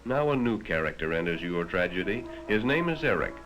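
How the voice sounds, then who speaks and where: A deep-voiced American man reads scripted narration fairly quickly, his pitch swinging widely and his tone a bit bright. Speaking directly to the listener, he adopts the grave, dramatic, moralizing manner of a 1960s educational film. It's a low-quality vintage 1960s film soundtrack with prominent music.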